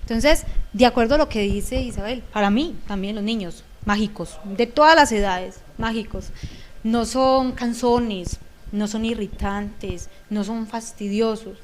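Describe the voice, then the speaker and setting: A woman's voice: a little high, normal speed, a little hiss or hum. A woman with a Colombian accent, talking about raising children on a community TV show, earnest and acting out the lines of parents and children. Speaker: guest speaker on parenting. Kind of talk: talk-show discussion.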